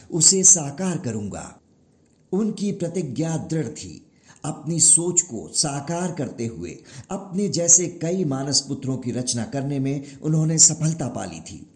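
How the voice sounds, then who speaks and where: A man telling a mythological story in measured, expressive narration. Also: fairly high pitch.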